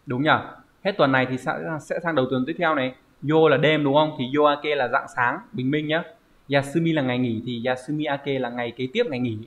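A man's voice: medium pitch, a bit bright. A man teaching a Japanese vocabulary lesson online, explaining step by step and often checking with "right?". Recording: dull lo-fi recording.

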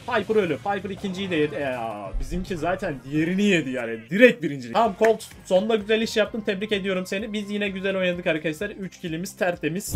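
Fast, high-voiced man commentating a game. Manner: excitable, chatty, talks to teammates and viewers. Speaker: gaming YouTuber. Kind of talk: casual gameplay commentary.

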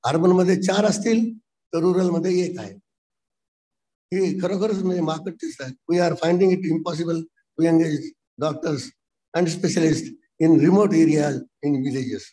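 Older man lecturing slowly, dark voice. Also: fairly high pitch, poor audio. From India. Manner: reads English lines slowly, then explains them in Marathi. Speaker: guest speaker to medical students. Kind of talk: motivational lecture. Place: college lecture hall.

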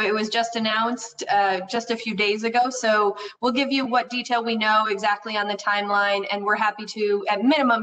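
A woman's voice: medium pitch, sharp tone, distant mic, low-quality recording. A woman, a city official, reassuring board members with many fillers at a video call meeting. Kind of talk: answering questions at a public meeting.

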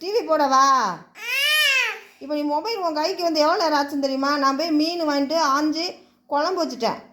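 A woman's voice: sits high, fast, a bit bright. A mother at home talking casually to her small child, coaxing and scolding by turns.

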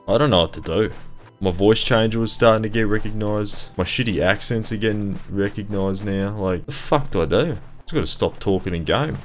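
Young aussie bloke, lowish voice, swearing a lot over his game, music playing behind. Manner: profane, swears freely, animated storytelling. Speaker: gaming YouTuber. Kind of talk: casual gameplay commentary. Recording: background music in the mix.

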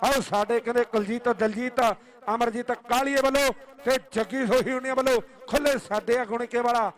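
A Punjabi-accented man works as live announcer at a kabaddi tournament. His voice is pitched very high for a man, and he declaims names and plays, often saying a phrase over again. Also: fairly even intonation, a little fast. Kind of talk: live sports commentary and announcements.

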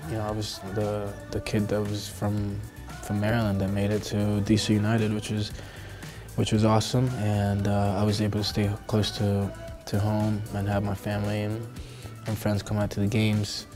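A man in his twenties from Costa Rica, a soccer player answering interview questions in a halting way, with frequent fillers and restarts. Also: on the low side, monotone, over music. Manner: hesitant, many fillers and restarts. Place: indoor studio backdrop.

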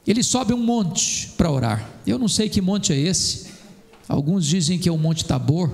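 A man with a Brazilian Portuguese accent preaching a sermon in a church, reading scripture and explaining it with measured emphasis. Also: sits high. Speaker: pastor.

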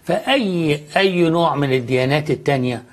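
A man's voice: a little high, brisk. A man with an Egyptian accent, a studio guest explaining faith earnestly and answering his own questions.

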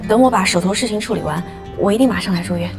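A woman's voice: mid-range voice, rapid-fire, creaky, close to an everyday voice. A woman acting a reassuring, evasive young patient in a television drama. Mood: polite, evasive. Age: young adult. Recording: roomy, distant dialogue with music.

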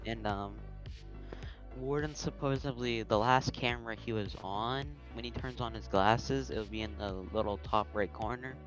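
A man's voice: medium pitch, moderate pace, a bit bright, lo-fi sound, soft background music. A man chatting casually with a friend while gaming, in a teasing, argumentative way. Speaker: gamer.

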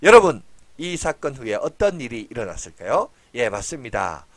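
Animated pastor telling children a story. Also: male voice, mid-range voice, normal speed, dry recording. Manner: animated, asks the children questions.

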